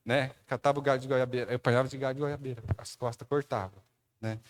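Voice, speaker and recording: A man with a Brazilian Portuguese accent telling a church testimony, animated storytelling with frequent tag questions. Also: quick pace, slight background noise. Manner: animated storyteller, acts out quotes with rising pitch; addresses a listener by name and tags lines with "né". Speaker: church speaker giving testimony.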